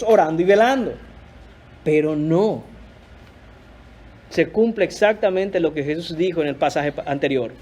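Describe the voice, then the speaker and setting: A man with a high-pitched voice preaching a sermon in church. He speaks earnestly and emphatically, turning often to address his listeners as brothers. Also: darkish tone. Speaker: pastor.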